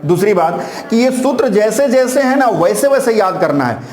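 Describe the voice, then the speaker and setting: A man teaching Sanskrit grammar in a classroom style, reciting syllables one by one in slow lists and calling his students "beta". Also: high voice, animated, a little mellow, echoey room.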